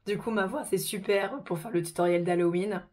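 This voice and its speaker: A woman hosting a casual makeup tutorial, chatty and informal, her voice hoarse from a sore throat. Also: medium pitch, fairly even intonation, moderate pace, a little mellow.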